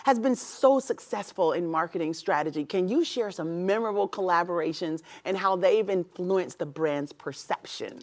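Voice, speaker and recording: A woman's voice: on the low side, moderate pace, hardly any pauses, a little mellow. A woman hosting a talk show interview, enthusiastic and full of affirmations as she asks her questions. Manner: effusive, frequent affirmations. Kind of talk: interview conversation.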